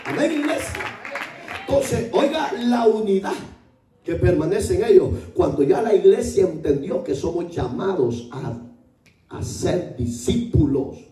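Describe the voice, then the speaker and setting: Brief: an animated, joking male pastor with a high, swinging voice. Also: measured pace, reverberant, far from the mic, soft background music, a faint crowd. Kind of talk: Pentecostal sermon. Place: church hall.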